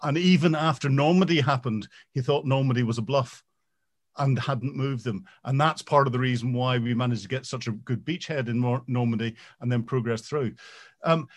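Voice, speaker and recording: The mid-range voice of a military veteran comes through in an interview, where his answers are hesitant and peppered with ums and restarts. As he keeps talking, he becomes increasingly animated.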